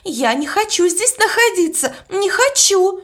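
A woman's voice: very high voice, animated, a little slow, fairly bright tone, voice pushed up, exaggerated voice. Woman playing panicky young maid. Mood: panicked. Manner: frantic, pleading.

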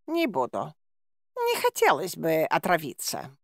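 A woman's voice: low-pitched, wildly swooping pitch, unhurried, vocal fry, no echo, studio quality, exaggerated voice. Smug fat talking tomcat, read by a woman. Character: smug, lazy, fat male talking cat.

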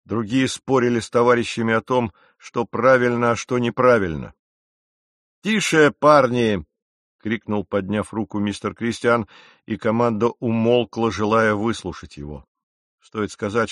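A man narrating an adventure novel as an audiobook, in a measured storytelling manner. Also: lowish voice, no room sound, studio quality. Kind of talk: scripted literary narration.

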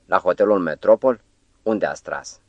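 A man voicing a cautious middle-aged man who speaks in a hushed, soothing, falsely gentle way in an audiobook. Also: sits low, gravelly, dry recording, muffled recording. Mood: wary.

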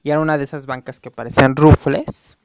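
A man's voice: fairly high pitch, level tone, quick pace, gravelly, clean tone, no room sound, muffled recording. A young man telling a rambling, gossipy story as a vlogger. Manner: rambling and gossipy, full of fillers and tag questions. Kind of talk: casual storytelling.

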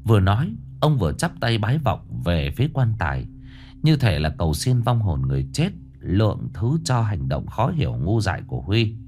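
A man narrating a ghost story in an expressive, suspenseful reading. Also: lowish voice, normal speed.

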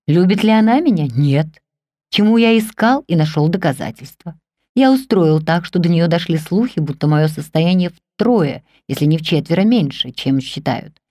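Woman reader doing an ardent middle-aged man: low, intense, dry close audiobook sound. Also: animated, moderate pace, warm tone, no room sound, close to an everyday voice. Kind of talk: audiobook character reading.

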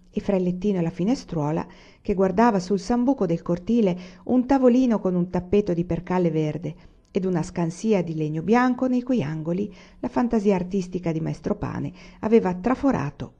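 Low-voiced woman reading a novel. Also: warm tone, highs cut off. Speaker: audiobook reader. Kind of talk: literary audiobook narration.

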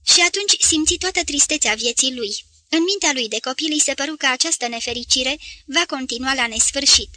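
A woman reads a novel aloud in an even, measured way. Her voice is high and bright, recorded close and dry with no room sound. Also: dry recording. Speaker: audiobook reader. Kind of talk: scripted literary narration.

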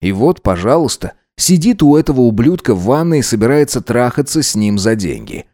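A man reads audiobook narration in a mid-range voice with lively, varied intonation, keeping a steady storytelling pace. The recording is close and dry, with no room sound at all. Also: mid-range voice, fairly quick, dry recording.

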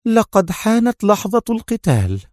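A man voicing a tense, sharp-tongued young woman agent who speaks in an agitated, indignant way. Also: high voice, huge pitch swings, moderate pace, no echo, studio quality, pitched above the performer's own voice.

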